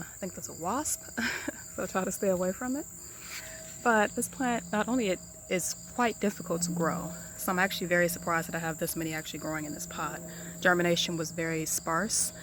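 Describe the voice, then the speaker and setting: A woman walks through her outdoor garden, chatting casually about her herbs in a somewhat low voice. She rambles easily, filling pauses with "um" and doubling her words. Crickets and insects chirp clearly behind her. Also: slight background noise. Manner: relaxed, rambling, many ums and repeated "really, really". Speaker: home gardener giving an herb tour. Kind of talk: casual garden tour vlog.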